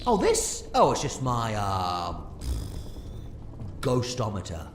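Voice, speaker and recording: A man's voice: medium pitch, wildly swooping pitch, takes it slowly, a little hiss or hum. A man playing an eccentric, scatterbrained alien time traveller in an audio drama, rambling and hesitating theatrically. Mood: curious, breezy. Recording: roomy sound with music behind.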